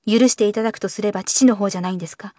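A woman voicing a reserved young man who answers in a restrained, quiet but firm way. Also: mid-range voice, very fast, no echo, clean studio sound, close to an everyday voice.

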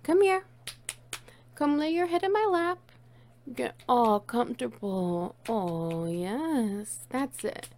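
Woman performing a playful bossy woman, unhurried delivery, intimate audio role-play, teasing, coaxing, affectionate praise. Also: mid-range voice, animated. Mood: affectionate, cooing. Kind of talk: intimate one-sided role-play acting.

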